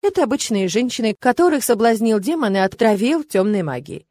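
A woman's voice: a little high, sing-song, fairly quick, warm tone, dry recording. A young adult woman reading a first-person audiobook in a wry, conversational way. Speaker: audiobook narrator.

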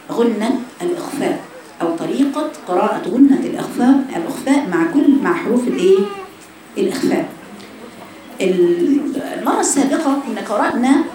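Egyptian lady teacher correcting students, says sounds over and over slow, roomy echo. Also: medium pitch, darkish tone. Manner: corrective, demonstrates sounds by repeating them slowly. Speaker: Quran recitation teacher. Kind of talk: tajweed lesson correcting students. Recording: echoey room with noise.

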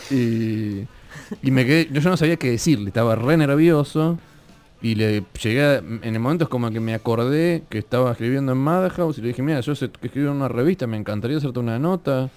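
An Argentine man with a Rioplatense accent chats on the radio as a guest. He tells his story with lively energy and slips into the voices of the people he quotes. His pitch sits in a middle range. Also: brisk, faint music behind. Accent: Rioplatense Spanish. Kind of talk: casual radio chat.

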